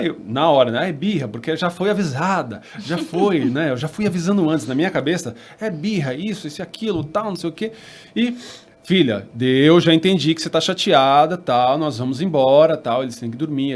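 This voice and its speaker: A man with a Brazilian Portuguese accent, hosting a church podcast and telling a family story in an animated way, acting out the dialogue. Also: fairly high pitch, brisk.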